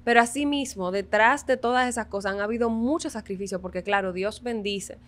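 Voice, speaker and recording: A young woman with a Dominican accent, a guest violinist telling her story in a relaxed interview, animated and earnest, often laughing. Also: mid-range voice, fairly quick. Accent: Dominican Spanish. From Dominican Republic.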